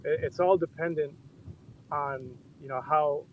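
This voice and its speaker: Driving in the rain, a project founder chats on a live audio call through a muffled car Bluetooth headset, loose and laid-back with casual swearing. His voice is fairly high, his intonation fairly even, and he takes his time. There's a little hiss or hum in the background.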